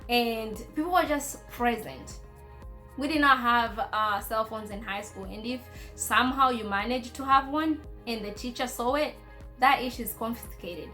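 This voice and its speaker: High-voiced young woman telling stories casually. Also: normal speed, sharp tone, faint music behind. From Congo, schooled in Kenya. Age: young adult. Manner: conversational, informal, playful asides. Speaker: vlogger sharing personal experiences. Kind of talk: casual storytelling chat.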